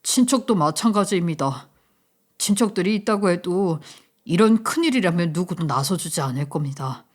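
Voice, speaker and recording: A woman voicing a young orphaned male parking attendant, humble and restrained, speaking lower and quieter than her narration. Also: animated, a little slow. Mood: calm, resigned. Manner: lowered, quiet, subdued delivery.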